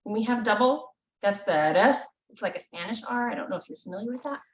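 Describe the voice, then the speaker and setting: A woman teaching a language lesson over a video call, patient and encouraging, often pausing with ums. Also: a little high, animated, a little hiss or hum. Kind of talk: live online language lesson. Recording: echoey, distant video call audio.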